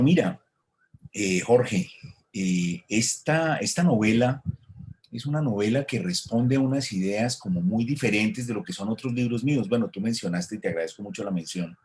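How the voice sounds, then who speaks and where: Reflective, low-voiced man. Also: normal speed, a little mellow. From Colombia. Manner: reflective, many hesitations and restarts. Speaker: author, interviewee. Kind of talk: thoughtful conversational answer.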